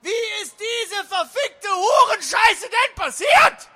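A man voicing a shrill, foul-mouthed insult character in a comic stage reading, screeching a vulgar outburst. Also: animated, slow, bright, forceful tone, full character voice. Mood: furious.

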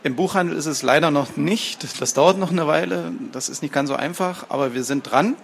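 A man's voice: a little high, brisk, gravelly, a little hiss or hum. Man announcing at a fair stand. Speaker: publisher representative. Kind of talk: casual announcement to an audience. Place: book fair stand, indoors.

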